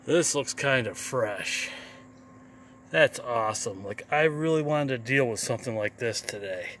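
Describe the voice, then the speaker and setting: A man's voice: mid-range voice, expressive, measured pace, a bit bright, rough recording. Wry trucker man over road noise. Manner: wry, sing-song asides, grumbling. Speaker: truck driver vlogger. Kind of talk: casual vlog narration. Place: inside a truck cab while driving. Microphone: headset mic. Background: engine and road noise.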